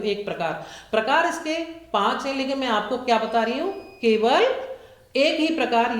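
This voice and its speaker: A woman's voice: a little high, echoey room. A woman schoolteacher, patiently explaining grammar to young children and asking them questions. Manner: patient, repeats points and asks the class questions.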